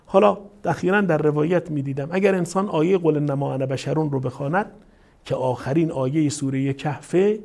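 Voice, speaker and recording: A middle-aged male cleric delivers a sermon in a somewhat high but dark, mellow voice. He tells stories animatedly, slipping into the quoted speakers' voices as he goes. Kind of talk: sermon with storytelling.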